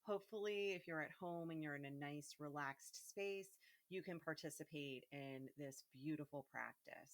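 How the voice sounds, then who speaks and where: Low-voiced woman yoga teacher, gentle. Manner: gentle, unhurried, with frequent ums and soft trailing endings. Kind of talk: casual spoken introduction to a guided meditation.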